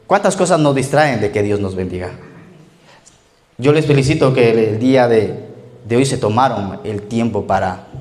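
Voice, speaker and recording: A man in his thirties preaching a relaxed, conversational sermon in a church, joking and often checking in with "ok?" and "right?". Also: medium pitch. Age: 30s. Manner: joking, frequent "¿ok?" and "¿verdad?" tag questions. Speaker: pastor.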